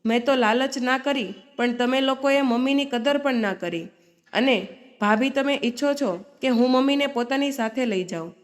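A woman storyteller reads the part of a grown daughter in a storybook tale, a firm, outspoken woman who stands up for her mother. The voice sits somewhat high, close to a plain reading voice, at normal speed and lightly acted. The mood is confrontational, the delivery firm and scolding.

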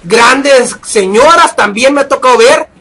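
A young man with a Mexican accent, giving loud, profane commentary over his gameplay and shouting at the game. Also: very high-pitched, expressive, measured pace, breathy edge. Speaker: gaming video creator.

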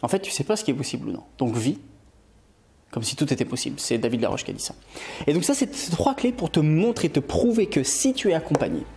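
A man's voice: on the high side, very animated, fast talker, vocal fry, darkish tone. A man from Scotland, an online English teacher, giving an upbeat motivational video lesson and switching between French and English.

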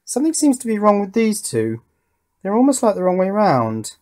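This electronics build channel host sounds high-pitched with huge swings in pitch and a darkish tone, speaking at a moderate pace. Working at an indoor bench, he thinks aloud tentatively while casually demonstrating hands-on.

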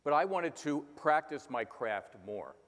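A Philadelphia sports announcer in his sixties tells stories during an on-stage conversation in a large conference hall, breaking into bursts of play-by-play imitation. His slightly high voice is a bit bright, with lively intonation and an unhurried pace, and the recording carries hall reverb.

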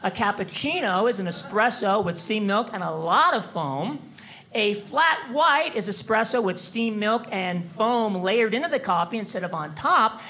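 A man in his fifties performing stand-up comedy on a theater stage, animated and slipping into voices of other people. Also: sits high, normal speed. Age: 50s. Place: theater stage before a live audience. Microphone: handheld mic.

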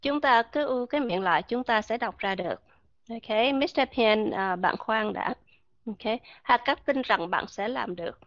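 Woman teacher going over pronunciation online, kinda high voice, dull dry voice chat audio. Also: lively intonation, a bit bright, no room sound. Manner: patient, repeats sounds slowly to demonstrate. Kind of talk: live online pronunciation lesson.

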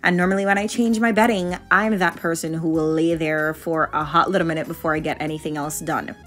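A woman's voice: sits low, fairly even intonation, a little fast, fairly bright tone. A woman in her late twenties from Jamaica, narrating a home cleaning vlog in a candid, conversational voice-over. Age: late 20s. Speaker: vlogger.

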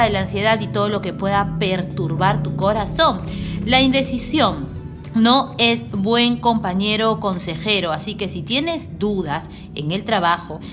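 A woman reading tarot cards for viewers, giving advice in a soothing way and slowing down to repeat key phrases. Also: medium pitch. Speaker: tarot reader. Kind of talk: daily tarot reading to camera.

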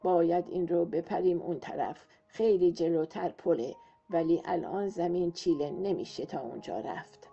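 A woman's voice: on the low side, gravelly, breathy edge. A woman voicing a loyal male servant who speaks in a with plain, reassuring folk speech. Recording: muffled, soft music behind.

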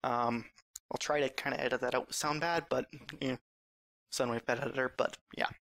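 A man's voice: medium pitch, fairly even intonation, normal speed, gravelly, a bit bright, no room sound. A young man ranting casually in a solo video, opinionated and sarcastic, a little out of breath, laughing at his own points. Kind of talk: casual rambling rant.

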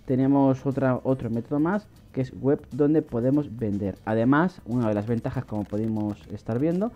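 A man talks through a website in a casual screen-recorded walkthrough, stopping often to restart his sentences. His voice sits at an ordinary middle pitch. The recording is a little dull and lo-fi, with faint music behind him. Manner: casual explainer with frequent fillers and restarts. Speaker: online money-making channel host.

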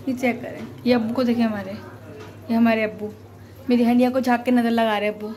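Vlogger woman, high voice, playfully dramatic, home kitchen. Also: level tone, fast talker, a little mellow, slight background noise. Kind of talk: casual home cooking vlog. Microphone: phone camera.

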